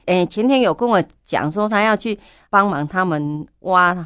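An older woman speaks in a somewhat low voice, a church elder recounting her experience in an interview. She is fervent and often repeats her prayers aloud. The recording is dry, with almost no room sound. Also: expressive, normal speed, a bit bright, smooth, no room sound. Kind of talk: testimony interview.

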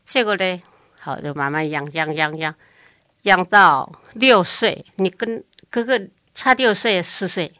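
A woman's voice: fairly low pitch, a little slow, no room sound. Older woman telling a family story. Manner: lively, acts out other people's speech. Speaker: interviewee recounting family history. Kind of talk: oral history storytelling.

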